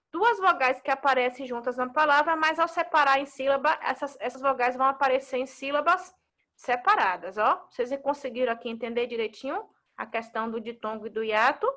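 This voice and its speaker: Brazilian female teacher, high bright voice, patient explanations, keeps checking in with students. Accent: Brazilian Portuguese. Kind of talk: online class lesson.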